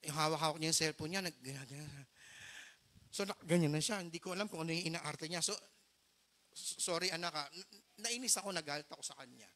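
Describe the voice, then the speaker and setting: A man's voice: on the high side, fast talker, sharp tone. A middle-aged man preaching a storytelling sermon as pastor, earnest and mixing English phrases into his Tagalog.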